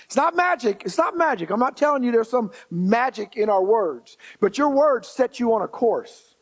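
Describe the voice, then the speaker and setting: A preacher with a remarkably high male voice gives a sermon to his congregation, speaking emphatically and circling back to key phrases for weight. Between those points he addresses listeners directly with casual asides and rhetorical questions. His intonation is lively and his pace moderate.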